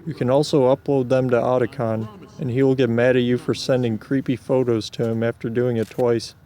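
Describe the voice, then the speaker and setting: A man reading scripted video game narration in a deadpan manner, with casual asides. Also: medium pitch, fairly quick.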